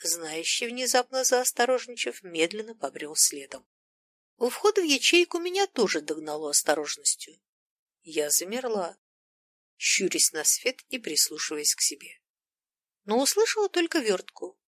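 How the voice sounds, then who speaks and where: A woman narrating a fantasy audiobook in an expressive storytelling manner, recorded close to the mic. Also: medium pitch, moderate pace, no echo.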